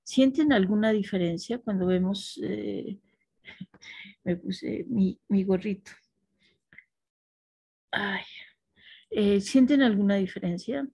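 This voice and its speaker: A woman teaching a class, talking thoughtfully with restarts and soft affirmations to her students. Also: medium pitch, slow pace, creaky, pauses often, husky, no room sound.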